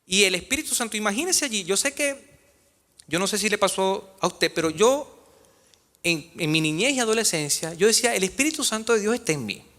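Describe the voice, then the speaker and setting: High, animated male pastor preaching. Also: a little fast. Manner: preaching with rhetorical questions to the congregation. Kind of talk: sermon. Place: church sanctuary. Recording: reverberant church hall.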